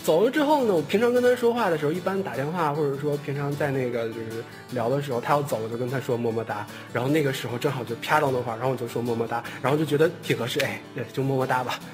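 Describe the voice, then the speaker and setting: Speaking rapid-fire with few pauses, a mid-range male voice actor joins a casual online cast chat, yet he still sounds hesitant and loops back over his own phrases. He later reads questions, and there's music underneath his voice.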